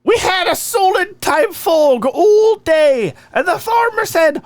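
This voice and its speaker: Man putting on a high Irish woman's voice. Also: animated, no echo, heavily acted. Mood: earnest. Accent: put-on Irish. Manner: slow, earnest storytelling. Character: older Irish woman telling of fairy encounters. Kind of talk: dramatic reading of listener stories.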